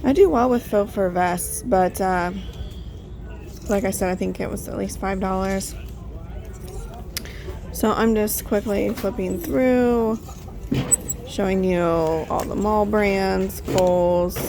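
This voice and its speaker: A woman's voice: mid-range voice, slow pace, long pauses. A woman narrating a casual thrift vlog as a reseller, chatting and thinking aloud with frequent fillers. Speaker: reseller vlogger.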